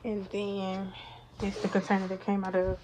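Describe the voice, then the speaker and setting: A woman's voice: mid-range voice, completely flat delivery, moderate pace, heavy background noise. A young woman chatting casually to her viewers in a home vlog. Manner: chatty, addresses viewers as y'all. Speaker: vlogger. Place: bedroom and car. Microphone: phone camera.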